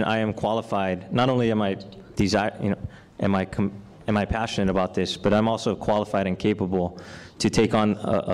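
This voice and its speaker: A young man from Hawaii addresses a neighborhood meeting as a candidate, speaking with eager, self-assured earnestness. His voice sits on the low side. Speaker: political candidate. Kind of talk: candidate forum speech. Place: indoor community meeting room.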